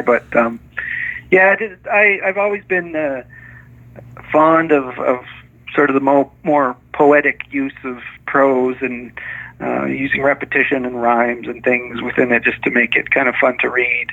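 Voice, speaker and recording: Hesitant man on a tinny phone line. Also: mid-range voice. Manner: hesitant, many restarts and small laughs. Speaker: author and guest. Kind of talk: casual interview chat.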